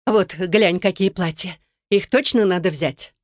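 A woman reading an audiobook voices a pushy, scornful young woman who bosses and mocks her friend, raising her voice higher for the part. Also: measured pace, no echo, studio quality. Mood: brisk. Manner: bossy, mocking, then coaxing.

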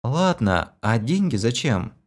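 A man voicing a blunt, quick-tempered young woman in a storybook reading. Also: medium pitch, big pitch swings. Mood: curious.

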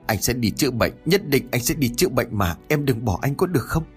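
A man's voice: mid-range voice, big pitch swings, brisk, faint music behind, close to an everyday voice. A man voicing an anxious young husband who begs and pleads in a told story. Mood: tearful. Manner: pleading, urgent.

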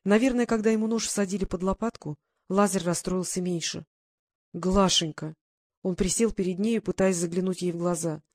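A woman narrating an audiobook in an even, measured storytelling voice. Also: lowish voice, dry recording, studio quality.

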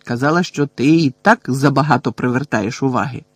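A man's voice: medium pitch, brisk, slightly rough, no echo, natural voice. A man voicing a cheeky, teasing teenage boy in an audiobook.

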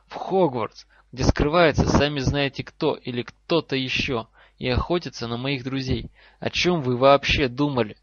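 Мужчина озвучивает умного упрямого мальчика-волшебника, говорит напряжённо и настойчиво; запись сухая, немного глуховатая. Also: male voice, mid-range voice, fairly quick, dry recording, natural voice. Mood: angry. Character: clever defiant schoolboy wizard. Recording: slightly dull lo-fi recording.

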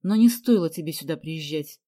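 A woman's voice: medium pitch, lively intonation, moderate pace, dark tone, lightly acted. A woman voicing a sullen, guarded young man in an audiobook. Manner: gloomy and curt.

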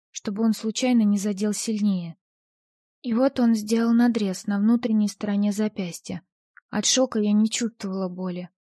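Woman narrator, first-person audiobook, mellow voice, tense dramatic telling, dry close sound. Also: mid-range voice, no room sound.

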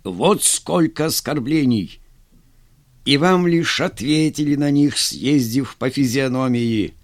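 A man voicing a stern, contemptuous army general who speaks gruffly, in a commanding way. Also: medium pitch, slow, no echo, studio quality, natural voice. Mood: stern scorn.

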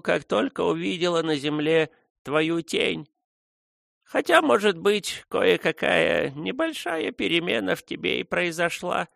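A frail, toothless old native woman, put on by a male reader, mumbles in a high, thin voice that sways up and down. She talks slowly and tenderly, her voice gravelly at the edges. The sound is dry and close, like a storybook reading. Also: a bit bright, no echo, full character voice. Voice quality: mumbling, lisping toothless speech. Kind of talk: audiobook character voice.

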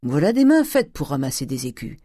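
A man voicing a stingy, gruff old provincial miser who talks bluntly and hums over his words. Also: on the high side, huge pitch swings, mellow, no echo, studio quality. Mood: scolding. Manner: blunt, grumbling, drawn-out hums.

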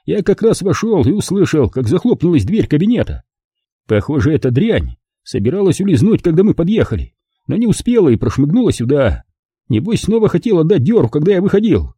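A brash young police inspector blurts out his story in rattled, coarse bursts, pitched noticeably higher as a male narrator puts him on. The storybook delivery is dark and husky. The sound is dry and close. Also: sing-song, a little fast, no room sound, full character voice. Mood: indignant. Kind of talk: audiobook character voice.

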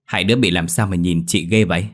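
A man's voice: sits low, steady tone, brisk. A man voicing an irritable young woman who snaps at her friends in a told ghost story. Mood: snapping. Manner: snapping, bossy.

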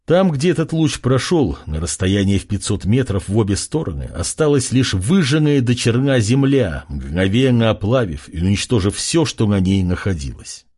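A male narrator reads a fantasy novel aloud with a husky voice. His pitch moves lively through the lines. The reading is expressive and steady. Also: normal speed, few pauses. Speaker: audiobook narrator. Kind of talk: scripted narration of a fantasy story.

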